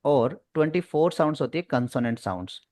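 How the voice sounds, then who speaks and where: A man's voice: on the high side, lively intonation, fast, warm tone, dry recording, studio quality. A man teaching spoken English in an online class, explaining in Hindi mixed with English terms, patient and repetitive. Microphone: video call.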